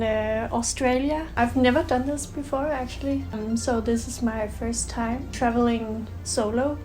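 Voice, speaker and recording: A twenty-eight-year-old woman from Denmark, a vlog roommate, chats casually to camera in English as her second language, with a Danish accent. She's hesitant, filling gaps with ums and uhs and laughing between phrases. Her voice is a little high with a darkish tone, and the recording is low quality.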